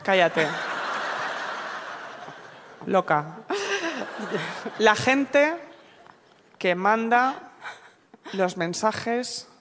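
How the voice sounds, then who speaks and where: A woman's voice: mid-range voice, animated, drawn-out words, pauses often, noisy background. A young woman from co-hosting a podcast, ranting sarcastically and laughing often in casual chat. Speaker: podcast co-host. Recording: long hall reverb.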